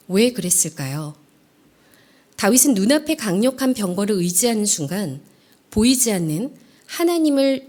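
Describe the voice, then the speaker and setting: A woman evangelist preaching a dawn prayer sermon in an earnest way, lifting her voice on key phrases and dropping to a hush at the ends. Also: mid-range voice. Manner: earnest, rising emphasis then hushed phrase endings.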